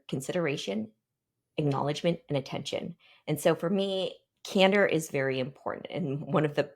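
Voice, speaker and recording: A woman in her forties with a low voice leads a team workshop, thinking aloud and pausing between ideas. She checks in with the group with questions as she goes. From Pacific Northwest, United States. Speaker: workshop guest speaker.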